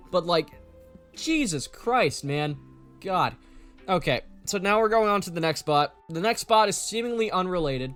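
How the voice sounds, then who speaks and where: A man with a fairly high speaking voice, reading a written document aloud and breaking into blunt, disbelieving asides, often with swearing. His talk is casual and reactive, and soft music plays faintly behind him. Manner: frank, swears often, incredulous.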